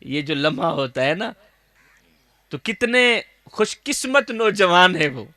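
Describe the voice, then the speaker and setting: High, bright-voiced Saraiki preacher. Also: male voice, very animated, dry recording. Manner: emotional, declamatory, rises to shouting; addresses listeners as brothers. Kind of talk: impassioned sermon to a gathering.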